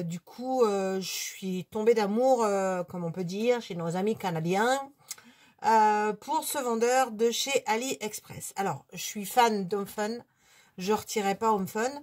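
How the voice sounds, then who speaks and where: A woman's voice: medium pitch, darkish tone. A woman hosting her own hobby channel at home, giving a casual, unscripted product review in a chatty, hesitant way full of fillers.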